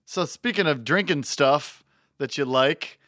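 A man co-hosting a podcast, chatting casually with quick joking asides. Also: on the high side, fairly bright tone, no echo, studio quality. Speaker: podcast co-host.

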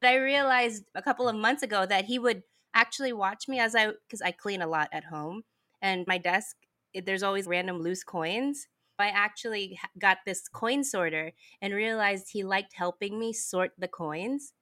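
A woman's voice: mid-range voice, normal speed, sharp tone. A woman hosting a personal finance podcast, reading an upbeat intro and then chatting casually with her guest. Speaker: podcast host.

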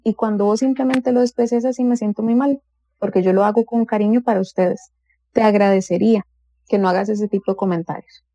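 Calm woman giving advice. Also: medium pitch, a little fast, dry recording. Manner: calm explanatory, acts out quoted family dialogue. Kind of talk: advice talk on a radio or web show. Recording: dull dry studio sound.

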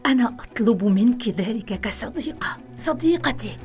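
A woman's voice: a little high, big pitch swings, brisk, faint music behind. A woman playing a determined young nurse, speaking urgently and insistently in an audio drama.

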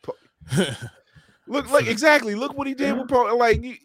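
A man's voice: extremely high pitch, normal speed, fairly bright tone, breathy edge, no echo, studio quality. A man co-hosting a casual podcast chat who laughs often and restarts his sentences. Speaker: podcast co-host.

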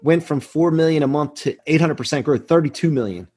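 A man in his forties, self-assured and earnest, tells emphatic motivational business stories as a podcast guest in an interview. His voice is fairly high and husky with a darkish tone, and he talks a little fast.

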